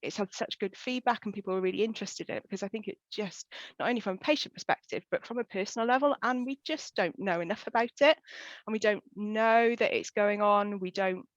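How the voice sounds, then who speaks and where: A woman's voice: medium pitch, a little fast, dry recording. Woman, welsh accent, chatty, lots of ums, dry dull lo-fi audio. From West Wales. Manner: chatty, frequent fillers, quoting herself. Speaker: pelvic health physiotherapist guest. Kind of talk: casual interview chat.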